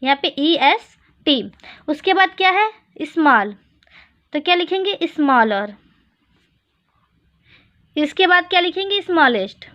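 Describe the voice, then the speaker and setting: A woman with a very high voice teaches an English grammar lesson in Hindi. She keeps asking questions and answering them herself, and she slows right down for each example sentence. The recording is dull and lo-fi. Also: lively intonation, pushed and bright. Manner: reads English examples slowly.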